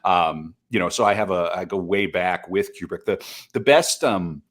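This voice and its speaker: Rambling through casual storytelling on a podcast, this middle-aged North Dakotan speaks with enthusiasm in a low, slightly bright voice at a moderate pace.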